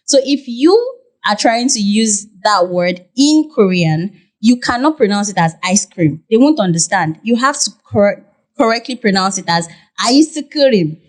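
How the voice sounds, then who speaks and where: A young woman with a Nigerian accent, a podcast guest who explains at length in an animated way, with many "like" fillers. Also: medium pitch, normal speed. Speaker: guest, content creator. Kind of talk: podcast interview.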